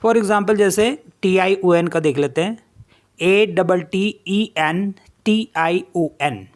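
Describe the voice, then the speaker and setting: A teacher giving a French pronunciation lesson, spelling each word letter by letter and then repeating how it is read. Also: medium pitch. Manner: slow, deliberate explanation. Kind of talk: online language lesson.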